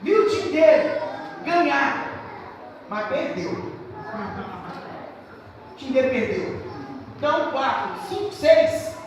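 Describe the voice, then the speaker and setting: Brief: Brazilian woman preacher, very high voice, emphatic and repetitive, distant mic in a reverberant hall. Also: big pitch swings, slow, pauses often. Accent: Brazilian Portuguese. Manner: emphatic, repetitive, rhetorical questions to the congregation. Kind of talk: sermon. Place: church hall. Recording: echoey church hall, distant mic, faint noise.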